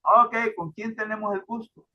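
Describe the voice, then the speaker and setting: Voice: medium pitch, fairly even intonation, normal speed, bright, forceful tone. Repetitive class moderator on a lo-fi call. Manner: repetitive, encouraging, many fillers. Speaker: teacher leading an online class. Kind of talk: moderating an online class discussion. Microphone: video call.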